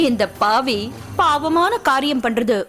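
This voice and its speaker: A woman's voice: high voice, very animated, drawn-out words, fairly bright tone, faint music behind, full character voice. An actress dubbing a sly, defiant female brothel keeper who taunts in a mock-welcoming way. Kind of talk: Tamil film dub. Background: film score.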